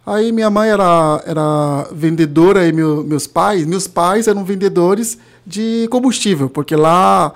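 A man in his thirties from Haiti with a Haitian accent, a podcast guest talking in a relaxed interview, often pausing and restarting as he searches for words. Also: high-pitched. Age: 30s. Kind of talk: casual interview conversation.

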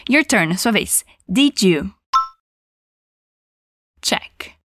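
A woman teaching an English lesson, giving encouraging prompts and modelling phrases slowly for the listener to repeat. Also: medium pitch, expressive, a bit bright, no room sound, studio quality.

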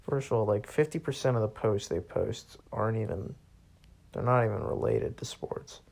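A young man with a low, gravelly voice rants to nobody in particular on his solo podcast. He sounds bored and sarcastic, and he swears constantly. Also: normal speed, a little mellow. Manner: profane, bored and sarcastic, laughs often. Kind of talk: casual solo rant.

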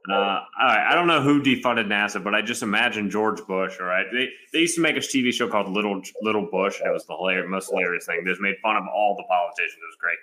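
A man co-hosting a casual podcast chat over an internet call, talking in quick animated bursts and laughing often. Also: on the low side. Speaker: podcast co-host.

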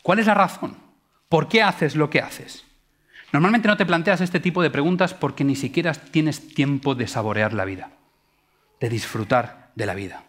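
A man's voice: on the high side, normal speed, a bit bright. A man giving a reflective, sermon-like talk, asking his listeners rhetorical questions. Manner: asks rhetorical questions to the audience. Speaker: speaker.

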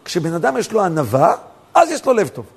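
Rabbi guy telling stories in a sermon, gravelly voice, goes soft then bursts out loud. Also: high voice. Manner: animated, swinging from soft to emphatic outbursts. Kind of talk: storytelling sermon.

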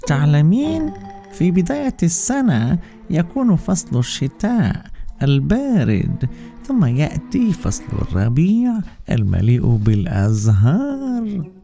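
A man voicing a calm, patient mother tree explaining things to her child. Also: on the high side, creaky, faint music behind, pitched above the performer's own voice, exaggerated voice. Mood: soothing. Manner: slow, soothing, explaining.

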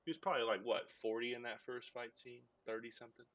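Bright-voiced man recapping a movie. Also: medium pitch, level tone, fast. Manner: rambling, laughing storyteller with many fillers. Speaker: podcast host. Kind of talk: casual podcast movie recap.

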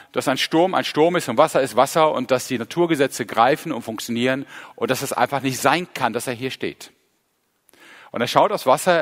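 A man's voice: mid-range voice, in a large hall. A man preaching a sermon, retelling a Bible scene with earnest emphasis. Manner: earnest, storytelling with rising emphasis.

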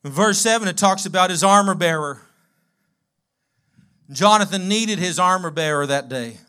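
Man, pastor, sermon, high voice, bright tone, emphatic call-and-response. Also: expressive, normal speed, smooth. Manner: rising, emphatic preaching with call-and-response to the congregation.

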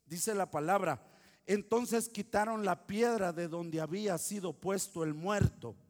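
A man preaching a sermon as pastor, switching between loud outbursts and hushed asides. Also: sits high, a little slow, big-room sound.

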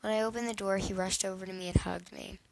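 A woman's voice: mid-range voice, fairly even intonation, fast talker, creaky, low-quality recording. A woman reading fan fiction aloud in a casual way, often restarting words.

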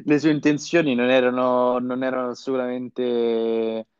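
A man's voice: mid-range voice, flat delivery, takes it slowly, gravelly, darkish tone, clear, resonant tone, no echo. A young man co-hosting a casual news chat, speaking hesitantly with lots of fillers. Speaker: co-host. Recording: dull, dry lo-fi recording.

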